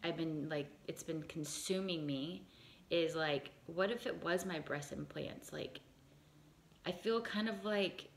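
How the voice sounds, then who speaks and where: A woman's voice: low-pitched, unhurried, creaky, slight background noise. A woman in her late thirties talking candidly in a casual personal vlog, rambling with lots of fillers and restarts. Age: 30s. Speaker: vlogger.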